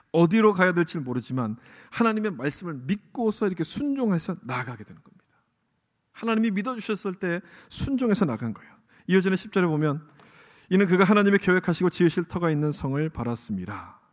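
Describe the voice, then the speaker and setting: A middle-aged male pastor preaching a sermon in a church, asking the congregation questions and acting out the inner voices he quotes. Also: a little high. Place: church sanctuary. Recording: long hall reverb from a church.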